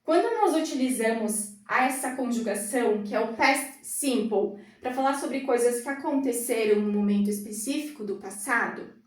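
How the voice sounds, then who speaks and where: A woman's voice: fairly high pitch, normal speed, hardly any pauses. A woman teaching English grammar in a classroom, explaining patiently at a whiteboard. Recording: roomy echo, mic far off.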